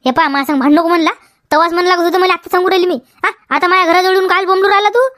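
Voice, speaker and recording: A woman's voice: extremely high pitch, steady tone, racing, a bit bright, no room sound, clean studio sound. A woman with a Vidarbha Marathi accent playing a quarrelsome village wife who argues back and repeats her questions in a comedy sketch. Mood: defiant. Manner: argumentative, repeats questions, tags "हा?".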